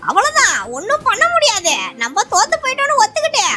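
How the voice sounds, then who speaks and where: A woman voicing an excitable pet dog sidekick who nags, fusses and warns, always craving meat. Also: very high voice, quick pace, very noisy, pitched above the performer's own voice. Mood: warning. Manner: fussy, warning, nagging. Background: background music.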